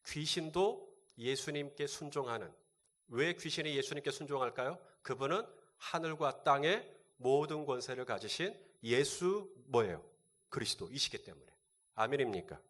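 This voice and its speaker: A man's voice: mid-range voice, lively intonation, normal speed, a bit bright. A male pastor delivering a sermon, asking the congregation rhetorical questions and answering them.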